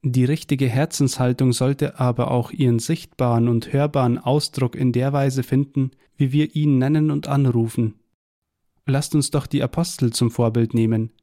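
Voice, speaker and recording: A man reading a devotional Bible tract aloud in a measured, earnest way, quoting scripture verses. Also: mid-range voice, fairly even intonation, dark tone.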